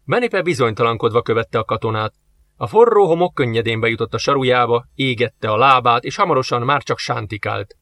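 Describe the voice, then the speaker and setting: A man narrating an audiobook with steady storytelling. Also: medium pitch, no echo. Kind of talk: scripted narration.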